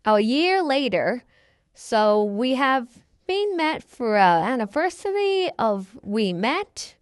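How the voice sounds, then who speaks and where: A young adult woman recounts a personal story in a casual vlog. Her voice is on the high side and she talks in simple, repetitive sentences. The sound is dry, with no room echo. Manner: simple, repetitive phrasing, often starting with "so".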